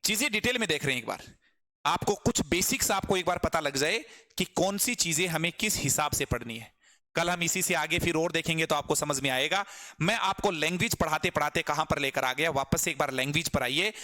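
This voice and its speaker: A man's voice: fairly high pitch, sharp tone. A man with a Hindi accent teaching English grammar in a live online class, explaining patiently, repeating words and quizzing his students.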